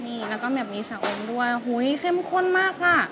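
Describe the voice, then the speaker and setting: A young woman hosting a food vlog, chatty and excitable, walking through seafood dishes at a seaside restaurant. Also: a little high, a little fast, noisy background. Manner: chatty and excitable, lots of fillers and exclamations. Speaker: food and travel vlog host. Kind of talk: casual food review walkthrough.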